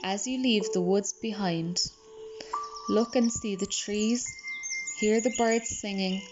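A woman reading a guided relaxation script in a soft, soothing manner. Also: mid-range voice, slow pace. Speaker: meditation guide. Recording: slightly dull recording. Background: calm music and birdsong.

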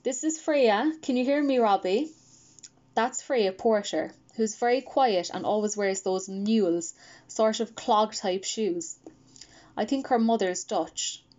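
A woman's voice: medium pitch, a little mellow, lo-fi sound. Woman reading a children's story. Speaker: audiobook reader. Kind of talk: first-person children's story narration.

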